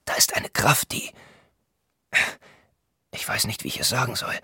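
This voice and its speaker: A man's voice: measured pace, bright, forceful tone, no room sound, studio quality. A man voicing a sickly, feverish young male art student who speaks weakly and half in a whisper. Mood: ominous. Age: young adult. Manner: weak, half-whispered, uneasy. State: breathy and weak.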